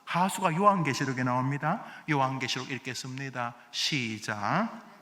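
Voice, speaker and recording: A man preaching a sermon as pastor, swinging from hushed, quiet lines to loud exclaiming ones. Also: medium pitch, moderate pace. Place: church sanctuary. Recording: long church hall reverb.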